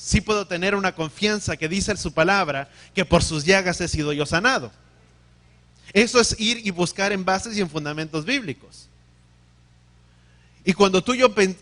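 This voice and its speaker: A man's voice: sits high, a bit bright. A man preaching a sermon, teaching, asking the congregation questions and often correcting himself mid-sentence.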